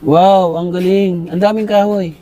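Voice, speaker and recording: A man's voice: sits high, steady tone, a little slow, lo-fi sound, crowd noise. A man hosting a vlog, chatting casually and teasing his guest outdoors at a rural house. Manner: playful, teasing. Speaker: vlogger host. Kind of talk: casual chat.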